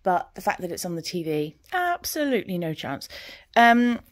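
A woman in her forties giving a casual, rambling progress update on her stitching at home, often trailing off into quiet murmurs as she counts. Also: fairly low pitch, very animated, moderate pace, no room sound, clean studio sound. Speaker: cross-stitch vlogger.

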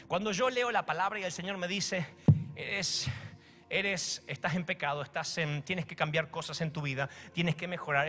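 A male pastor with an Argentine Spanish accent preaching a sermon, dramatic and animated, acting out little dialogues. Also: sits high.

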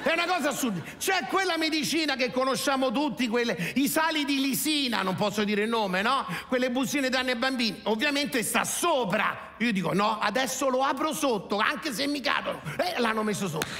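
A middle-aged man performing a stand-up comedy monologue, animated and exasperated, breaking into shouted character bits. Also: very high voice, brisk, few pauses. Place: theatre stage before an audience. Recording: echoey hall, faint ambience.

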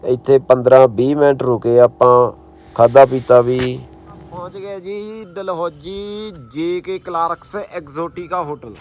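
Higher-voiced Indian Punjabi man, casual vlogger. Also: steady tone, unhurried, a little mellow, slight background noise. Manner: colloquial, slangy, admiring exclamations. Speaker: travel vlogger. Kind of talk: casual travel vlog narration.

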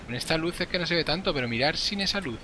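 Young male gamer, Castilian accent, jumpy muttered commentary with startled swearing, clear game noise behind him. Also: fairly high pitch, animated, fast talker. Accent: Castilian Spanish. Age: young adult. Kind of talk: casual gameplay commentary. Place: small room indoors. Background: horror game ambience.

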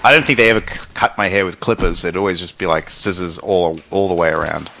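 A man's voice: sits low, quick pace, gravelly, bright, forceful tone, a little hiss or hum. Rambling, swearing gamer guy. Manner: rambling, profane storytelling. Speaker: streamer. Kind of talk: casual chat while gaming.

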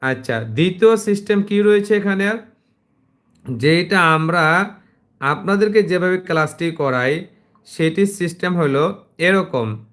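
Slow-talking Bangladeshi man teaching Quran. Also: high-pitched, a bit bright. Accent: Bangladeshi Bengali. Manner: recites verses slowly and drawn out, then explains plainly to students. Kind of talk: online Quran class, slow recitation with explanation.

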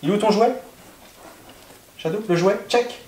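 Calm French-speaking dog trainer, man. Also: high voice, a little slow, a little hiss or hum. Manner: calm, firm short commands. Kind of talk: home training demonstration. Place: indoors at home. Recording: echoey room.

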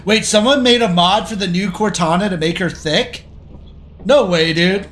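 A man's voice: sits high, moderate pace. A young man streaming a horror game with friends, chatting casually to his viewers. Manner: excitable, laughing, talks to chat. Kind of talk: casual gaming chat.

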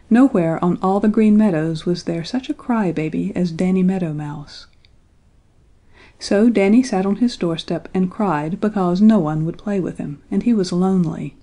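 A woman narrating a children's storybook in a gentle, even storytelling way. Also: fairly low pitch. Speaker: audiobook narrator.

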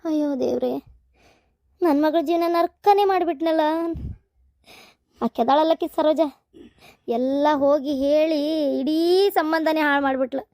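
A worried older mother in a cartoon, as a woman puts her on, lamenting and soothing in a North Karnataka Kannada accent. The voice is still fairly high, though lower than the young wife. The sound is dry. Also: measured pace, long pauses, a little mellow, no echo.

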